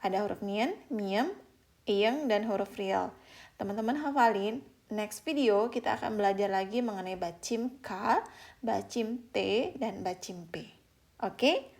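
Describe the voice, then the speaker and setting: A young woman teaches a beginner language lesson to an online audience. Her mid-pitched voice carries a noticeable vocal fry. She speaks patiently, drawing out example words and turning to her viewers as friends. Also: a little slow, darkish tone.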